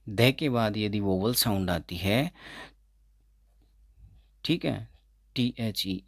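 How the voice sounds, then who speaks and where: A man teaching English pronunciation as an exam-prep tutor, explaining slowly, repeating words and correcting himself as he goes. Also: lowish voice, creaky, fairly bright tone, no room sound, clean studio sound. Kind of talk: explaining phonetics in Hindi.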